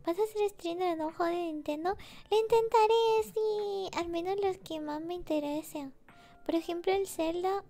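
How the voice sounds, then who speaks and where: A woman streamer chatting casually with her viewers in a cutesy, giggly, sleepy and soft voice. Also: very high-pitched, moderate pace. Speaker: VTuber streamer. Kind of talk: relaxed casual chat with viewers. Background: faint music.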